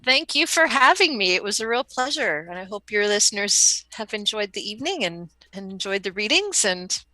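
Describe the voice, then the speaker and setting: A woman author reading her own fiction aloud with lively expression, then chatting as a guest on a live stream. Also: moderate pace, no echo, poor audio. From Canada. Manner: lively expressive reading, voicing characters with big jumps in pitch.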